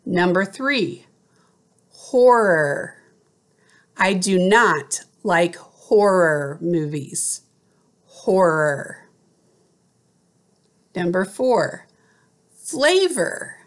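A middle-aged woman teacher giving a slow school spelling dictation, enunciating deliberately word by word. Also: lowish voice, big pitch swings. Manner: deliberate enunciation, word repeated after an example sentence. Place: small room at home, indoors.

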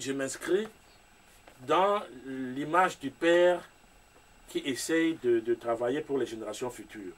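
A man's voice: a little high, breathy edge. A man from Cameroon with a Cameroonian French accent, an author speaking as a guest on a discussion show, emphatic and repeating his points. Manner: emphatic, with repeated rhetorical phrases. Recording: distant mic with faint room noise.

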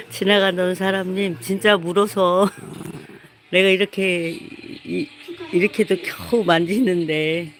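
On a casual live stream, a woman with a medium-pitched voice coaxes her pet dog to come and get washed, taking it slowly. She repeats herself over and over in a sing-song tone, often breaking into chuckles, and the recording quality is low.

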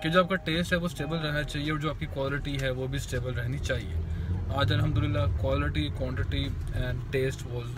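A man's voice: on the high side, steady tone, a little fast, loud music behind the voice. Young Pakistani man vlogging in a car. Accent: Pakistani Urdu. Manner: chatty, mixes English phrases into Urdu. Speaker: food vlogger. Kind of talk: casual vlog talk to camera. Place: inside a car at night. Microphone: phone camera at arm's length.

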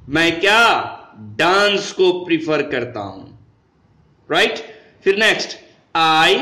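A man's voice: high voice, sharp tone, reverberant, rough recording. A man with an Indian accent teaching English grammar, mixing Hindi and English and asking his students questions, then answering them himself.

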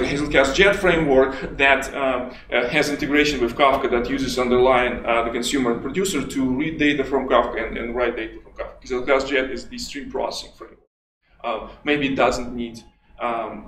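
A man with a Russian accent giving a conference talk, halting with many restarts and fillers. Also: mid-range voice, fairly bright tone, a little hiss or hum. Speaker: conference speaker. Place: conference hall. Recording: echoey hall from far off.

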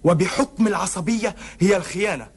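Casting: hard-line desert warrior for a historical epic, fairly high husky voice, declamatory, accusing. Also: male voice, brisk. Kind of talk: historical epic TV drama acting in formal Classical Arabic.

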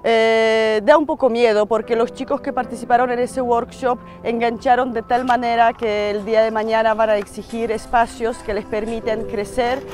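A woman's voice: a little high, little pitch movement, moderate pace, few pauses, darkish tone. Woman speaking over light music. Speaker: festival director. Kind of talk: documentary interview. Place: outdoors in a desert landscape.

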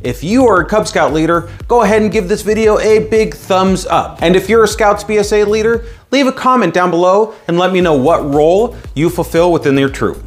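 A man's voice: high voice, fairly quick, hardly any pauses, soft background music. A man in his thirties with an American accent, explaining to camera in an emphatic, instructive way as a scoutmaster and video host. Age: 30s. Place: small room at home, indoors.

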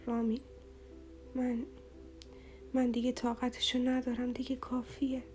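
A woman reading the lines of a heartbroken young wife in a soft, choked, pleading voice. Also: a little high, flat delivery, soft background music, close to an everyday voice. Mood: tearful.

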